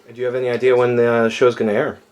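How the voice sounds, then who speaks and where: A man's voice: mid-range voice, completely flat delivery, very fast, a little mellow, muffled recording, a little hiss or hum. A man asking questions casually as an interviewer.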